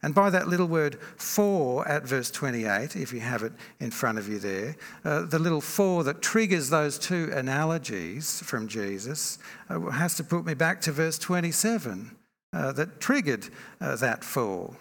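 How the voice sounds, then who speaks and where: A man preaching a sermon in a church, measured and reflective, often asking rhetorical questions. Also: a little high, very animated, fairly bright tone. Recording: long reverb from a large hall.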